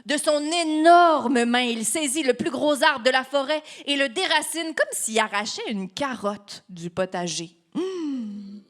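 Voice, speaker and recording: Québécois lady reading a kids' story, playful, asks the kids stuff, talks slow. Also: high voice, lively intonation. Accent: Québécois French. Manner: playful, asks the children questions, laughs often. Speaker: storytime reader. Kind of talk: children's storytime reading with asides to the audience.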